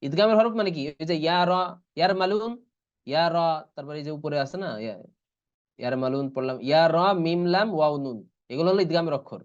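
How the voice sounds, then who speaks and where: A man teaching Quran recitation rules in an online class, spelling out letters and vowel marks one by one and chanting the examples slowly. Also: a little high. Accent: Bangladeshi Bengali. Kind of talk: online tajweed lesson. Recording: dull lo-fi online class audio.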